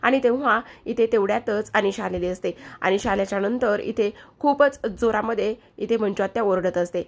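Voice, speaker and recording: A woman's voice: mid-range voice, normal speed. A woman tells a soap episode as a recap, moving scene to scene and quoting each character. Her voice sits in a middle register and stays conversational. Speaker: serial recap narrator.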